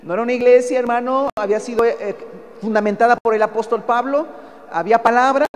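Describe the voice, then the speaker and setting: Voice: mid-range voice, steady tone, fast talker, in a large hall. A preacher with a Mexican accent delivering an emphatic sermon, often calling the listeners brother and asking them rhetorical questions.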